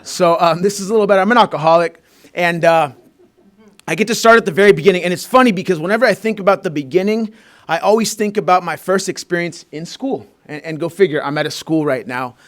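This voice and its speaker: A man with a fairly high voice tells his recovery story at a meeting in a school room. He talks in a casual, heartfelt way, full of fillers, restarts and warm asides. He is from Peru and grew up in Southern California. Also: fast talker. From Peru, raised in Southern California. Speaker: main speaker at a recovery meeting. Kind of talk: personal recovery share.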